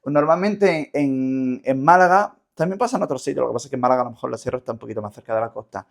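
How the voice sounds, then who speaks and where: A man's voice: mid-range voice, expressive, fast talker, gravelly. A man with an Andalusian Spanish accent explaining things didactically as a linguist in an interview, often repeating words as he searches for the next. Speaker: linguist guest.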